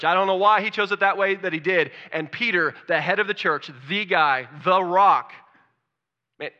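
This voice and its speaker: Bright-voiced preacher swinging loud to hushed. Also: male voice, high voice, muffled recording. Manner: swings from loud excitement to soft hushed tones; conversational, asks the congregation questions. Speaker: pastor. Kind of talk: sermon.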